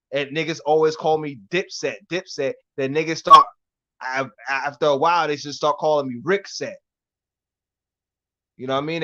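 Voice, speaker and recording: A man's voice: fairly high pitch, fairly bright tone, muffled recording. A man with a New York accent mixed with Florida, chatting casually with his live-stream audience in loose street slang, cursing a lot and repeating "you know what I mean.". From Harlem, New York. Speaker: live-stream host answering chat. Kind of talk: casual chat.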